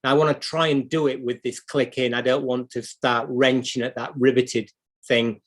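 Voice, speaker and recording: A man's voice: mid-range voice, flat delivery, moderate pace. A man with a British accent gives an unscripted, hands-on repair demonstration, explaining as he goes and thinking aloud. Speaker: clock repair instructor and livestream host.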